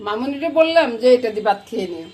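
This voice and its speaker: A woman's voice: fairly high pitch, very animated, quick pace. A middle-aged woman from Bangladesh with a Noakhali Bengali accent, chatting casually as a cooking vlogger and often checking that viewers follow her. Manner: chatty, keeps asking viewers "you get it?". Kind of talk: casual cooking vlog chat. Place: home kitchen. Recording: loud kitchen frying noise. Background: frying and sizzling.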